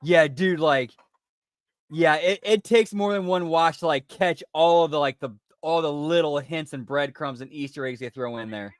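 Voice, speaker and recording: A man's voice: on the high side, normal speed, smooth, no echo, clean studio sound. A man commenting casually on a film as a reaction host, in informal, slangy speech. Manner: informal, slangy, often says dude and pal.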